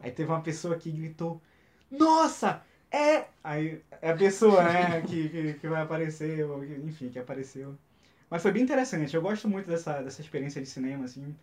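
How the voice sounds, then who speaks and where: A Brazilian man chats casually on a film podcast in a slightly raised voice. He speaks haltingly, pausing and restarting as he searches for words. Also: on the high side, darkish tone. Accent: Brazilian Portuguese. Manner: halting, many fillers and restarts. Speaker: podcast co-host.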